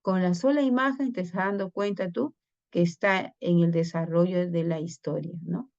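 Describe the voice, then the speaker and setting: A woman's voice: on the low side, darkish tone, dull audio. A woman teacher with a Peruvian Spanish accent, giving a classroom lesson on story structure and asking the class questions. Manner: slow, questioning, acts out story voices.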